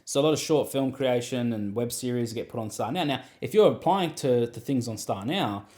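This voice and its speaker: A man's voice: medium pitch, fairly quick, a little mellow. A man, an acting coach, chatting casually and rambling with lots of "you know what I mean.". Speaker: acting coach and podcast host. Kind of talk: casual advice chat.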